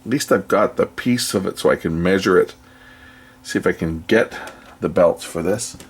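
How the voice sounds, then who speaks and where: A man with a low voice talks at a moderate pace, giving unscripted hands-on commentary as a repair video host. He thinks aloud, often trailing off or questioning himself, with clear background noise and room ambience.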